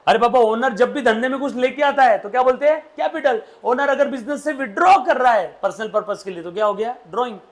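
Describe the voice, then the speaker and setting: A man's voice: extremely high pitch, fast, hardly any pauses. A man, teaching accountancy to a classroom and drilling students with questions. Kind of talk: classroom lecture.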